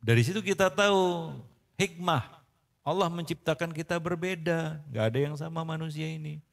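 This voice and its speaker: A man's voice: fairly high pitch, moderate pace, creaky. A man giving a casual sermon to a congregation, bantering, quizzing his listeners and laughing often. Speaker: preacher. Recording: long reverb of a hall.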